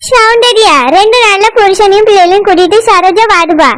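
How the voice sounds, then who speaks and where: A woman's voice: very high-pitched, brisk. A woman voicing a bossy elderly village grandmother in a cartoon, with a Kanyakumari Tamil accent and a scolding, coaxing manner. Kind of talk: cartoon voice acting.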